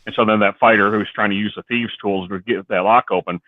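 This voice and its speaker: Low-voiced man on a tinny line. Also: steady tone, fairly quick, no room sound. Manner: rambling, explains with worked examples. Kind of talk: casual chat. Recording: tinny phone-like line, dry.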